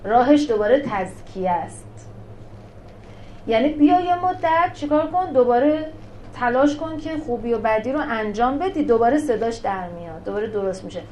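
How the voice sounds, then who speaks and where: A religious teacher with a fairly high, mellow voice speaks expressively and emphatically to a small class, posing questions to her listeners and then answering them herself. The audio is poor, with faint noise running beneath it.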